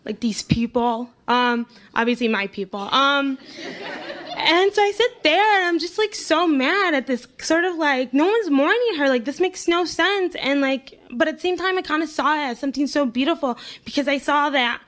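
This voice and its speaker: A woman's voice: high-pitched, normal speed. A young woman from the United States telling a personal story casually, chatty and full of "like" fillers, acting out what people said. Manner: chatty, heavy use of "like" fillers; animated, acts out quoted speech.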